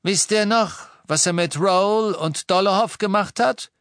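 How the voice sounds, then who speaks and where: A cold, poised aristocratic witch, as a man puts her on in a raised, clear voice. She sounds precise and guarded, recorded dry. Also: high-pitched, unhurried, a bit bright, no room sound, pitched above the performer's own voice.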